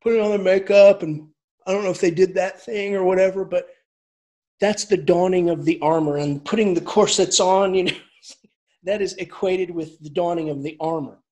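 A man gives a lecture in the role of an English professor, informal and animated, frequently restarting his sentences and chuckling through asides. His voice is high-pitched and he moves at a moderate pace.

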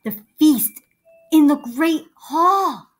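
A woman's voice: mid-range voice, big pitch swings, measured pace. A woman reading aloud, voicing a cautious, protective young boy in a storybook. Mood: awed.

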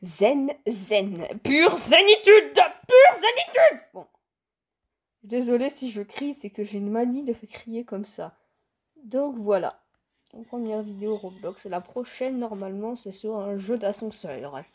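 A woman's voice: medium pitch, moderate pace, mellow, slightly rough. A playful young woman giving casual gameplay commentary, talking to the game characters and breaking into squeals and laughs. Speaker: gaming youtuber.

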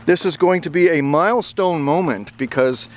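Walking a bridge and wooded trails in summer, a Canadian man in his forties vlogs about geocaching with a handheld camera at arm's length. His voice is fairly high and moderately paced, and he's chatty, upbeat and quick to laugh, with slight noise in the background.

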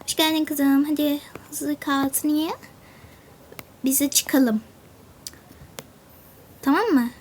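A woman's voice: high-pitched, fairly even intonation, slight background noise. A woman voicing an impatient mother of three in a toy game role-play, scolding and hurrying her children. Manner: scolding, hurried.

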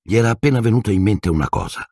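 A man narrating an audiobook in an expressive, dramatic storytelling manner. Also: fairly low pitch, very fast, vocal fry, breathy edge, no echo, clean studio sound. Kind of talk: scripted narration.

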